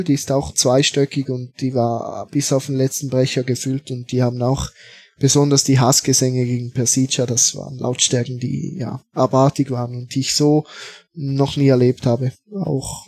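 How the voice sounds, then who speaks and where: A man's voice: medium pitch, a little mellow, breathy edge, dry recording. A man, a football fan talking as a podcast guest, hesitant with many fillers and restarts. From Switzerland. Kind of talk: casual interview talk.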